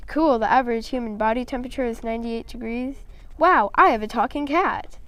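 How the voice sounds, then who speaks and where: A woman voicing a friendly, excitable young boy who marvels at everything. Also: a little high, brisk, close to an everyday voice. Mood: eager.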